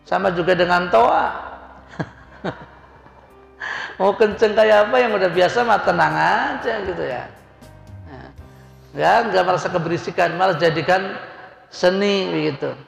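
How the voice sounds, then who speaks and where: Middle-aged man, preacher, folksy storytelling sermon, gravelly voice, echoey hall with faint music. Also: high-pitched, unhurried, long pauses. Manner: folksy, chatty, acts out the people in his stories. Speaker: preacher and hajj guide.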